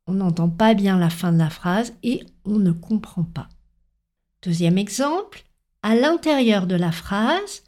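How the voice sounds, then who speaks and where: Slow, deliberate French teacher woman. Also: fairly high pitch, a little mellow. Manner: slow, deliberate, clearly articulated. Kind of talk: scripted lesson narration.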